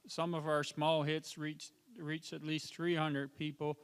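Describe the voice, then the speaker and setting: A man, a farmer in the audience, sharing his experience in a plain-spoken, slightly halting way. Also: fairly high pitch, completely flat delivery, clear, resonant tone. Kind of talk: audience comment. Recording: long reverb of a lecture hall.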